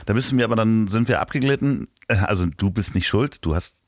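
Low-voiced man teasing his co-host. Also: lively intonation, quick pace, dry recording, clean studio sound. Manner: teasing, rambling with fillers. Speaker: podcast co-host. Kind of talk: casual chat. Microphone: remote call.

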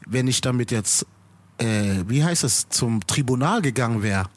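A man's voice: medium pitch, lively intonation, moderate pace. A middle-aged man from the Stuttgart area, a rapper guest in a casual podcast talk, loose and chatty, tagging his sentences with "you know". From Stuttgart area, Germany.

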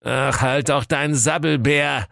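A man's voice: medium pitch, fairly even intonation, unhurried, creaky, a bit bright, no echo, studio quality, voice pushed up. A man voicing a sly, bossy big bad wolf, snappy and impatient, in a comic storybook reading. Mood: bossy scheming.

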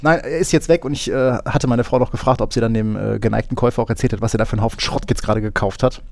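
A man's voice: mid-range voice, fairly even intonation, racing, vocal fry, no echo. A man co-hosting a casual tech podcast, rambling with many fillers and telling grumbling, wry stories. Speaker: podcast co-host. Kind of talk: casual chat.

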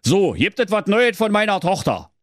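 A shrill, blustering old king with a Berlin accent. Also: big pitch swings, normal speed, no room sound, studio quality. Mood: outraged. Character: fussy, excitable old fairy-tale king. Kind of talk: comic fairy-tale reading.

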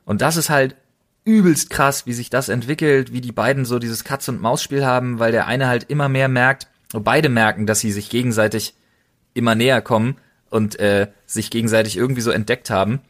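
A German man co-hosts a casual podcast, talking colloquially and with emphasis as an enthusiast who often doubles his intensifiers. His mid-range voice keeps fairly even intonation at a slightly fast pace.

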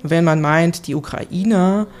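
A woman working as a correspondent, explaining things in a conversational reporting style with a creaky voice. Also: on the low side, measured pace, darkish tone.

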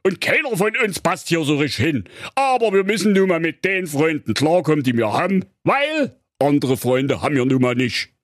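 A man doing a high-voiced donkey-zebra. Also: big pitch swings, moderate pace, no room sound, studio quality. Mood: earnest. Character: donkey turned zebra, male, bossy then earnest.

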